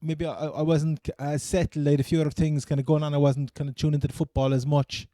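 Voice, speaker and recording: Male sports co-host, Cork Irish accent, dark relaxed tone, dry close sound, halting and repetitive, casual chat. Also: fairly high pitch, dry recording. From Cork, Ireland. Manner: rambling, stammering, repeats phrases. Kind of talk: casual American football chat.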